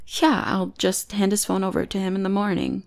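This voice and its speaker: This young woman's natural, medium-pitched voice comes across flat and brisk as she acts out a teasing, possessive goth bully who is secretly smitten in ASMR roleplay. The mood is sweetly polite, and her playful taunts sometimes fall into breathy whispers.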